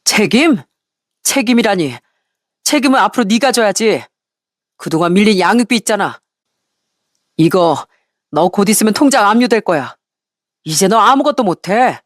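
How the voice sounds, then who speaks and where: A woman's voice: medium pitch, expressive, moderate pace, long pauses, no echo, studio quality, natural voice. A woman voicing a divorced man who answers his ex-wife coldly and firmly. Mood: cold rebuke. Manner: cold, cutting, firm. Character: fed-up divorced man, cold and firm.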